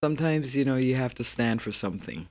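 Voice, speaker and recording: A woman's voice: extremely low pitch, lively intonation, fast talker, a little mellow. A woman, a podcast guest talking in a proud, emphatic way. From Barbados. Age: 40s. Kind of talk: casual interview chat.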